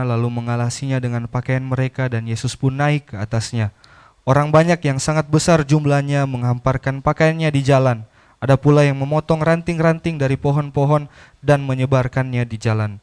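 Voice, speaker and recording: A man reading scripture aloud in church, steady and measured. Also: medium pitch, smooth. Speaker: scripture reader.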